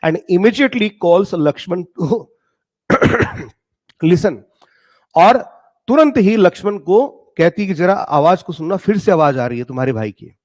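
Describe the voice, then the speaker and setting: A man teaching a lesson, reading poem lines slowly and dramatically, then explaining them and asking the class rhetorical questions. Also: sits high, lively intonation, darkish tone. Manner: addresses students as "beta", asks rhetorical questions.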